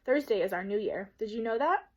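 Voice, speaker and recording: A woman's voice: fairly high pitch, animated, brisk, darkish tone, highs cut off. A woman voicing a kind, sensible young girl in a storybook reading, in a reasonable, coaxing way. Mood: matter-of-fact.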